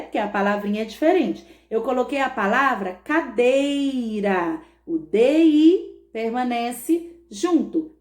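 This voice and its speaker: A schoolteacher giving a patient remote lesson to young pupils, drawing out words and checking in often. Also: female voice, a little high. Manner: patient, stretches words, frequent "tá bom?" check-ins. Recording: echoey room.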